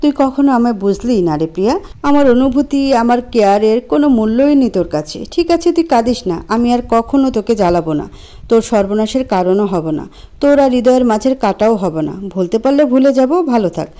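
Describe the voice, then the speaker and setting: A lovesick young man, usually calm, speaks with hurt and bitterness in a story reading. The tone is high but mellow, as a woman narrator does his voice. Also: fairly quick, lightly acted. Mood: bitter, resigned.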